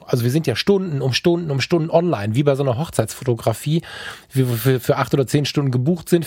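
A man co-hosting a podcast, talking casually and colloquially, lively and sometimes stammering. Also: mid-range voice, breathy edge, no echo, clean studio sound. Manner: energetic, colloquial, stammers at times. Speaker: podcast co-host and photographer.

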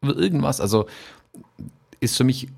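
A man's voice: medium pitch, animated, measured pace, creaky, a little mellow, breathy edge. A man co-hosting a podcast, talking casually and thoughtfully about photography workshops, with many fillers and restarts.

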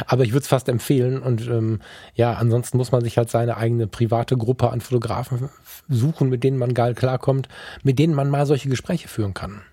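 A man co-hosting a podcast, talking casually and colloquially, lively and sometimes stammering. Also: medium pitch, moderate pace, husky, no echo, studio quality. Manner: energetic, colloquial, stammers at times. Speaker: podcast co-host and photographer.

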